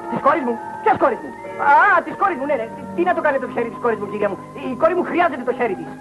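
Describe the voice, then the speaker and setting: A jittery, flustered cousin who stammers and fusses in a high, nasal-thin voice. The sound is a dull old film soundtrack with music playing underneath. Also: male voice, animated. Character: nervous, flustered middle-aged male cousin.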